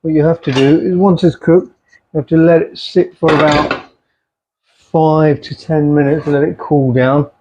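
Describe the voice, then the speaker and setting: In a dull lo-fi home recording with background noise, a middle-aged man cooks in his kitchen and chats casually. His voice sits on the high side, steady in tone and a bit slow, with Punjabi-Urdu phrases woven in.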